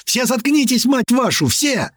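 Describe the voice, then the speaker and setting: A man voicing a nerdy young male technician who shouts directions. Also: mid-range voice, moderate pace, breathy edge, no echo, studio quality. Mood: frantic shouting. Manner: shouting directions, then tired and flat.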